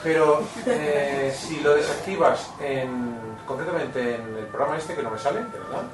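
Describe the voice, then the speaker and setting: A man's voice: on the high side, normal speed, music in the background. A man taking part in a user meetup, asking the presenter questions in a conversational way. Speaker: meetup participant. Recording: echoey room, far from the mic.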